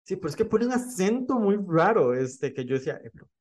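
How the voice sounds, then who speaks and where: Guy talking movies casually, fairly high voice, lots of "este" and laughing. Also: very animated, fairly quick, darkish tone. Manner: chatty, laughs often, many fillers like "este". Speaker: film podcast co-host. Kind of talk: casual film discussion.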